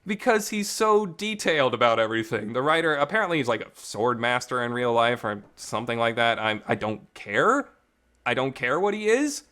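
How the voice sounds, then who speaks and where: The same review-channel host keeps the loose, podcast-like feel, swearing a little and speaking with colloquial emphasis in a reverberant home recording. Here his voice is mid-range and sharp, swinging widely in pitch at a moderate pace.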